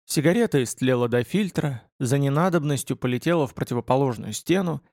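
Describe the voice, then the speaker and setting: A man's voice: mid-range voice, creaky, no echo. Man reading an audiobook, dry and close. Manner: steady, measured reading. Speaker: audiobook narrator. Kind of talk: scripted narration.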